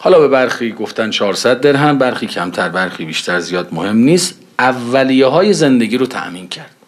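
A man's voice: medium pitch, animated. A man preaching in a conversational way, telling anecdotes and acting out the dialogue in them. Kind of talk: storytelling religious talk.

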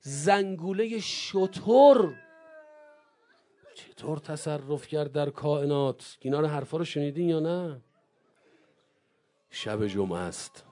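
A male preacher delivering an impassioned mourning sermon, swinging from low murmurs to loud cries. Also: long pauses.

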